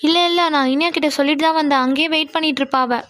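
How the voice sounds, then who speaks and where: A woman's voice: sits high, steady tone, racing, a bit bright, no room sound, studio quality. A woman voicing a cheeky young cartoon woman who teases playfully. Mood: teasing.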